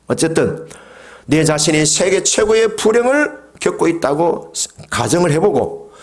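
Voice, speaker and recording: A middle-aged male preacher, slightly high-voiced with vocal fry, delivers a Sunday sermon that swings from calm speech to loud, passionate cries. He guides his congregation through call-and-response.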